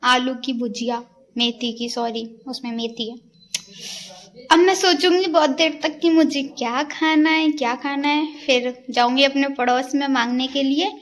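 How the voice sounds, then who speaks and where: Out in her neighbourhood with a phone camera, a young woman from India vlogs casually, bantering with and teasing nearby kids. She speaks at a measured pace in a high, steady voice.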